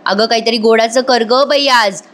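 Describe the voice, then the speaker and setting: Elderly grandmother matriarch, read by a woman, welcoming, pitched up. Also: normal speed, a bit bright, lightly acted. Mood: delighted.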